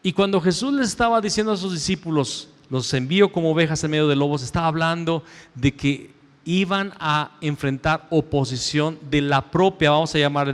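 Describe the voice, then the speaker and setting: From the pulpit of a church sanctuary, a male pastor preaches an emphatic sermon in a somewhat high voice. He swings between loud, raised lines and hushed, low asides, all ringing with the hall's long reverb.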